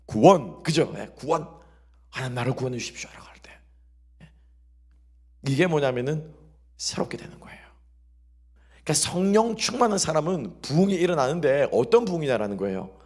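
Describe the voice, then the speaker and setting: Man, pastor, sermon, slightly high, husky, asks the congregation questions, soft asides. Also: sing-song, brisk. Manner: call-and-response questioning of the congregation; drops to soft, quiet asides. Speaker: senior pastor.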